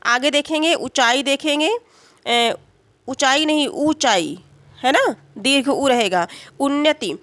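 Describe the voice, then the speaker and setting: A woman with a fairly high voice teaches grammar in an unhurried, patient way. She keeps asking a question and answering it herself, with many small fillers and check-ins. The recording is dry and close, with no room sound. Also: fairly bright tone, no room sound. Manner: explains slowly, asks and answers her own questions. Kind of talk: exam-prep grammar lesson.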